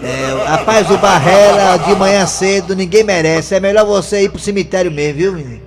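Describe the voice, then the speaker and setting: Teasing high-voiced radio host. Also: male voice, moderate pace, a loud crowd. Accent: Ceará. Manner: teasing, playful, swings his pitch wildly. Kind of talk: joking radio call-in banter. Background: loud background music.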